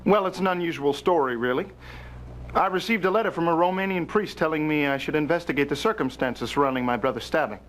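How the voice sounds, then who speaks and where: Male actor as polite Texan gentleman, earnest, formal, higher-pitched, quick, period horror game drama, faint noise. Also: lightly acted. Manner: formal, courteous. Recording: noisy old game video audio.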